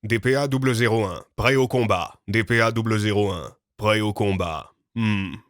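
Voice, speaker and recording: A man's voice: lowish voice, moderate pace, dry recording, studio quality, voice pushed down, natural voice. A man voicing an imperious, authoritarian spy chief for a card game, delivering clipped commands. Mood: commanding. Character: imperious male spy chief, ex-intelligence agent.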